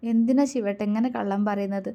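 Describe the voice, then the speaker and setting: A woman's voice: medium pitch, steady tone, a little fast, warm tone, muffled recording, natural voice. A woman reading a story aloud, voicing a young wife who answers her husband in a tearful, scornful tone. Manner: tearful yet defiant, scornful. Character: young wife, hurt but stubborn.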